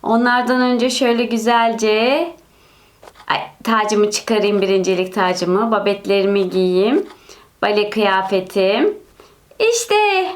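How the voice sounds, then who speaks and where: A woman's voice: mid-range voice, slow pace, lightly acted. A woman voicing a cheerful, bossy big-sister girl who loves ballet. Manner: chatty, self-satisfied. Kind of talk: toy role-play voicing.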